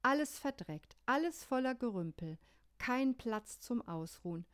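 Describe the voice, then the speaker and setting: A woman's voice: fairly high pitch, lively intonation, a little slow, smooth, no room sound, clean studio sound, pitched above the performer's own voice. A woman voicing an ordinary man who panics and frantically calls out for help to tidy his house, in a spoken story. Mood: alarmed. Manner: frantic exclamations, calling for help.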